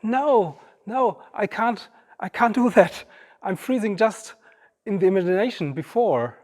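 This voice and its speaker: A man's voice: high voice, lively intonation, a little slow, a little mellow, voice pushed up. A man voicing an anxious grown man who whines and refuses to step into cold water. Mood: reluctant whining. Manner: whiny, protesting, hesitant. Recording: long reverb of a large hall.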